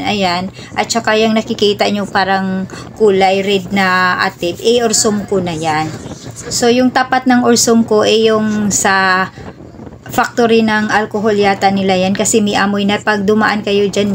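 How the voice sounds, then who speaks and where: Casual Visayan woman, chatty vlogger voice, mid-pitched, recorded on a phone from a moving motorbike, faint background noise. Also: level tone, measured pace. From Visayas, Philippines. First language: Cebuano (Bisaya). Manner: chatty, rambling, gives road-safety advice. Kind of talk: casual travel vlog narration. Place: riding pillion on a motorbike outdoors.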